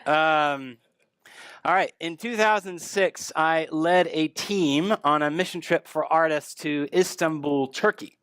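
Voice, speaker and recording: A man speaking at a conference, giving a lecture with relaxed, self-deprecating humor. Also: fairly high pitch, takes it slowly, clean tone, no echo. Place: conference hall.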